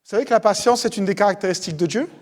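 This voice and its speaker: A high-pitched man gives a sermon at a church service. He keeps it conversational, speaking straight to the congregation and circling back over his words. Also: very fast. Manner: conversational, addresses listeners directly, often repeats words. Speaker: pastor.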